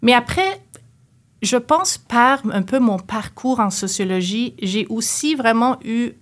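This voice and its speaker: A woman's voice: a little high, animated, slow. Thoughtful woman professor, hesitant speech. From Canada. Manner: thoughtful, hesitant, many fillers. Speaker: sociology professor, guest. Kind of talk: academic interview.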